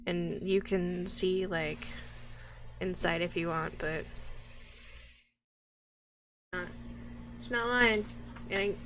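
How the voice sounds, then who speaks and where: A woman's voice: lowish voice, fairly even intonation, very slow, long pauses, fairly bright tone, a little hiss or hum. A woman narrating as game master of a tabletop game on a livestream, playful and drawn out.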